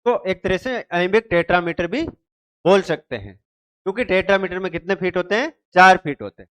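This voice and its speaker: A man's voice: high voice, moderate pace, fairly bright tone. A man teaching an exam-prep literature lesson, who asks his students questions and then answers them himself, repeating the key terms.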